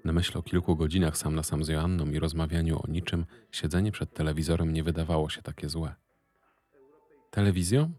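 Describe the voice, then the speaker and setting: A man narrating a first-person story as an audiobook, in a measured, wry, deadpan manner. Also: soft background music. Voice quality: deep, gravelly. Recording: dry close recording.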